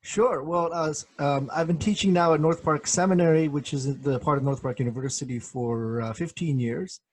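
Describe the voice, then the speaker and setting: A middle-aged man, born in Korea, answering interview questions as a professor and former pastor in a measured, reflective way. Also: on the high side, breathy edge. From born in Korea, grew up in the United States. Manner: measured, reflective, many soft fillers.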